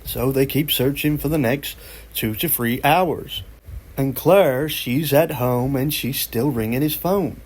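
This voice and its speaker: A man's voice: medium pitch, slow pace. A man casually retelling a strange story in a rambling, conversational way, with fillers and restarts.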